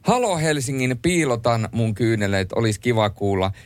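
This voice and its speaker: A man hosting a late-night radio show in a studio, chatting and joking lively and reading listener messages aloud. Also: medium pitch, no echo. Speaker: radio host. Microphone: studio microphone.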